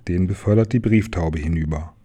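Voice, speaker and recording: A man reading a children's story aloud in a gentle way, adding small asides to the listener. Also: low-pitched, brisk, breathy edge. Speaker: reader of a children's book.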